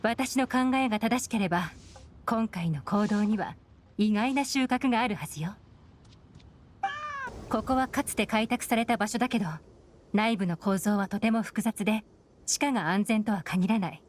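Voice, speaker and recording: A woman voicing a shrewd, composed secret agent in an anime game, speaking in a cool, measured, instructing manner. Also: medium pitch, a little hiss or hum, lightly acted. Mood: calm, cautioning. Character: composed, shrewd adult woman agent leading a covert mission.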